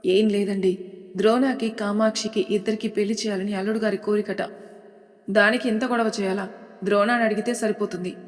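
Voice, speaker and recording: A woman narrator plays a gentle elderly grandmother with a soft, reasonable way of talking. She reassures rather than argues. A long reverb trails her words. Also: medium pitch, steady tone, fairly quick, lightly acted. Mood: calm.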